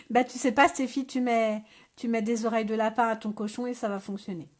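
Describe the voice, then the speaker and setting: Speaking French into a phone, this scrapbooking channel host has a somewhat high, slightly mellow voice. Her live-stream chat with viewers is relaxed and full of fillers and hesitant pauses.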